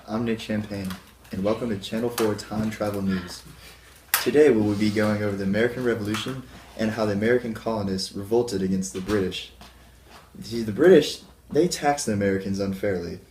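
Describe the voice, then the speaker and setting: A man's voice: lowish voice, normal speed, a little mellow, echoey room, slight background noise, rough recording. A teenage boy acting as the anchor of an amateur mock news report, reading in a stiff newsreader tone. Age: teens. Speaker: news anchor in a school video project.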